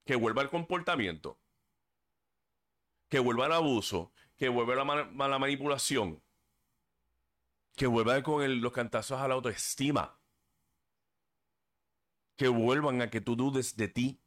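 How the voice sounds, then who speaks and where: Speaking into a desk microphone, a man hosts a casual solo podcast in an earnest, preachy way, stumbling over words now and then and drifting into English fillers. His pitch is medium and his tone fairly bright, and he keeps a measured pace with frequent pauses.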